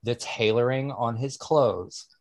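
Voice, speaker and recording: A man's voice: medium pitch, dry recording. A man co-hosting a podcast, telling stories in casual chat with lots of fillers and some swearing. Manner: drawn-out, hesitant with many fillers, swears. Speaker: podcast co-host.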